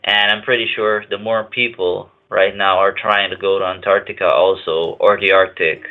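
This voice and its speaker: A man's voice: low voice, little pitch movement, moderate pace. A male caller talking over a speakerphone who speaks hesitantly, often restarting and repeating his words. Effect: on speakerphone over a phone line. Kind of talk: casual call-in chat. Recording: tinny phone line with faint music.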